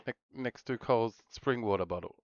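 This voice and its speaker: Male game streamer, smooth voice, rambling self-talk, close and dry. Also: mid-range voice, a little fast, darkish tone, no echo, muffled recording. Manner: rambling, talks to himself while playing. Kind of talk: casual live-stream chat.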